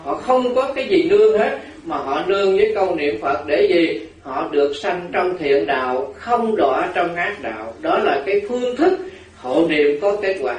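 A man's voice: high-pitched, expressive, normal speed. A man gives a humorous Buddhist dharma talk, telling folksy stories and teasing his audience. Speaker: Buddhist monk. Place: large hall with an audience. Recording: echoey hall, crowd laughter, distant mic.

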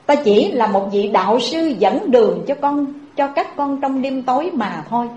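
A woman's voice: high voice, lively intonation, normal speed, a little mellow, slight background noise. A woman quoting a solemn, teaching Buddha. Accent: Southern Vietnamese. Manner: solemn, instructive. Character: the Buddha, calm male teacher, instructive. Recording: dull echoey recording.

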